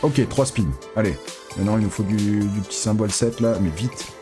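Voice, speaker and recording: A man giving excitable, casual live commentary as a casino streamer, pleading with the reels and swearing. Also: fairly low pitch, brisk, music in the background.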